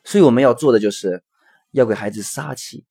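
A man's voice: mid-range voice, brisk, gravelly, dark tone, husky. A man hosting a recorded parenting lesson, explaining earnestly with frequent fillers and acting out the dialogue of his examples. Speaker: parenting educator and podcast host.

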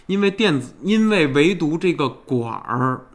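A man with a Beijing accent telling stories in casual chat, colloquial, earthy and animated, like a talk show host. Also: a little high, unhurried. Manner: colloquial, crude and animated storytelling with swearing. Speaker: podcast host.

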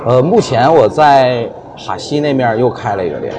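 A man's voice: medium pitch, lively intonation, normal speed. Male interviewee, small business owner, hesitant and conversational, with busy crowd noise around. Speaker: milk tea shop owner being interviewed. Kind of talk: casual interview answers. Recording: busy crowd chatter behind.

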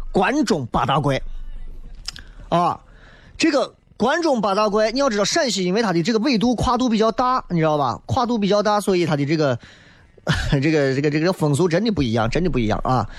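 A man in his thirties from Shaanxi, with a Guanzhong Shaanxi accent, hosting a humorous, colloquial ranting monologue full of animated rhetorical questions. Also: high-pitched, no room sound. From Shaanxi, China. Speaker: show host.

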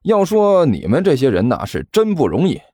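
A man's voice: a little high, wildly swooping pitch, moderate pace, mellow, dry recording, clean studio sound, voice pushed up. A man voicing a sly male landlord who chats in a falsely cheerful way in an audiobook. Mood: fake-friendly. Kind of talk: audiobook character voice.

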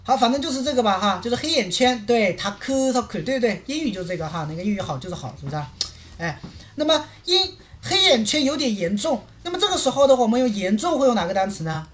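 Lively fast-talking woman teacher. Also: on the high side. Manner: lively, asks many rhetorical checks. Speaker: Korean language teacher. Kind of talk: livestream language lesson.

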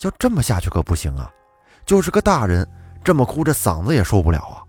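A man's voice: mid-range voice, huge pitch swings, fast talker, darkish tone, breathy edge, dry recording, faint music behind, voice pushed up. A man voicing a worried young working father who speaks urgently and bluntly. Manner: urgent, scolding.

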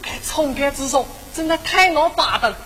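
A woman with a Gannan accent playing a mischievous, teasing young man in a tea-picking opera, with a bright, sing-song stage delivery. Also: high-pitched, lively intonation, normal speed. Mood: cheerful. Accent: Gannan (southern Jiangxi). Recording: stage recording in a reverberant hall with music.

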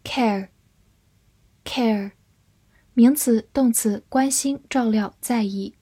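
A woman's voice: a little high, very slow, dark tone, slightly rough, no echo. A woman teacher reading a scripted vocabulary review, saying each English word twice and then its part of speech and meanings.

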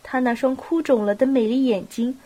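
A woman's voice: high-pitched, fairly even intonation, normal speed, mellow. Woman with a cold reading a novel. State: has a cold. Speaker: audiobook narrator.

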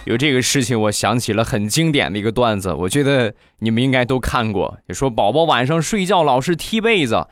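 A man, hosting a podcast and telling comic stories in a chatty, relaxed way. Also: medium pitch, fairly quick, few pauses, no room sound, studio quality, faint music behind. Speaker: podcast host. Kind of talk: comic storytelling.

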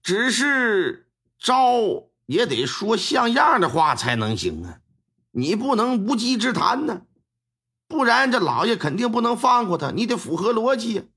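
Male storyteller, husky, very animated delivery, colloquial and wry. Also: sits high, a little slow. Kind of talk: pingshu-style storytelling.

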